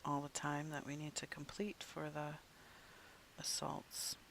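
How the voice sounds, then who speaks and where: A game streamer chats with viewers from home in a loose, rambling way. The voice carries a gravelly texture, and now and then it falls to a soft muttered aside. A light hiss sits under the recording. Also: mid-range voice, monotone, normal speed. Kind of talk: casual gameplay chat to viewers.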